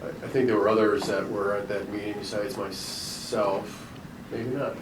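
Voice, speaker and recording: A man's voice: fairly low pitch, fairly even intonation, moderate pace. A man at a committee meeting, thinking aloud hesitantly as he asks questions. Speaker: committee member. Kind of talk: meeting discussion. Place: meeting room. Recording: echoey room from far off, loud noise.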